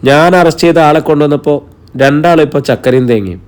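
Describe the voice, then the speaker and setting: A man's voice: fairly high pitch, fast talker, voice pushed up, lightly acted. A man reading the part of a playful, bossy youngest sister in an audio story. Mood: teasing. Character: lively teasing young woman, youngest sister.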